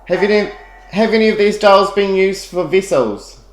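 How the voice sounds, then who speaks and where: A man hosting a spooky night vlog, questioning spirits, with nervous, hushed asides between louder questions. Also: sits high, normal speed. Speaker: vlog host leading a Ouija board session. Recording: echoey room with background noise.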